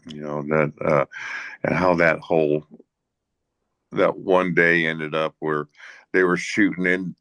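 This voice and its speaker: Deep-voiced man telling a rambling story. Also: little pitch movement, a bit bright, no echo. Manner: rambling, halting delivery with frequent restarts and chuckles. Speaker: guest, hunting guide and bush pilot. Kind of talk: casual anecdotal storytelling in a Q&A.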